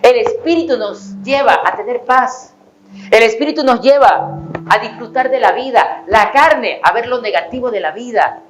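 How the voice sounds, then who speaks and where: A man's voice: very high voice, normal speed, a bit bright, poor audio. A man giving a conversational sermon as a pastor, with self-deprecating humor and acted-out snippets of dialogue.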